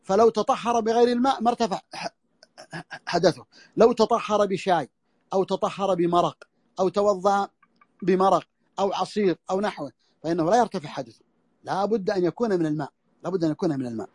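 High-voiced man giving a dry audio lesson. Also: quick pace, pauses often, a little mellow, no room sound. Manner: repeats phrases and restarts as he explains, clears his throat. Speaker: Islamic scholar teaching a fiqh text. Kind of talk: recorded audio lesson explaining a classical text. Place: audio lesson over a social media voice room.

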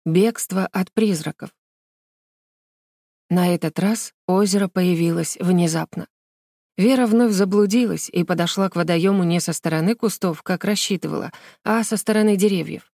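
A woman's voice: fairly low pitch, normal speed, darkish tone, no echo. Woman narrating a storybook, dry close sound. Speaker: audiobook narrator. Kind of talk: scripted narration.

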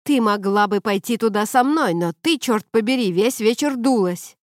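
A woman reading an audiobook, voicing an angry drunk young man who blusters and swears loudly. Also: medium pitch, normal speed, no room sound, clean studio sound, natural voice.

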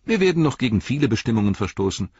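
A man doing a quick mischievous hobbit. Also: mid-range voice, sing-song, a little mellow, breathy edge, lo-fi sound, voice pushed up. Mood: cheerful.

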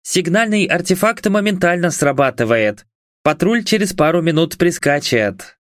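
A man's voice: a little high, lively intonation, moderate pace, a bit bright, no room sound, clean studio sound, voice pushed up. A man voicing a polite female office clerk who speaks deferentially and matter-of-factly.

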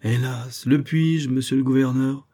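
A man's voice: medium pitch, fairly even intonation, measured pace, mellow, pitched above the performer's own voice, natural voice. A man voicing a miserly old male moneylender who whines and laments, in a storybook reading. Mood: whining. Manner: wheedling, lamenting.

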